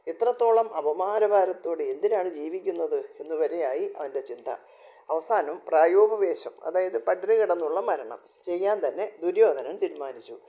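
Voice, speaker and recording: A man narrating an epic tale in a calm, measured scripted reading. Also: sits high, muffled recording. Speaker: storyteller.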